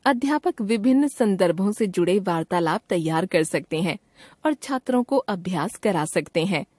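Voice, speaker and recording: A woman's voice: medium pitch, lively intonation, darkish tone, no echo. Woman reading a lesson, dry and close. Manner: measured, evenly paced reading. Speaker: textbook narrator. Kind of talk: scripted educational reading.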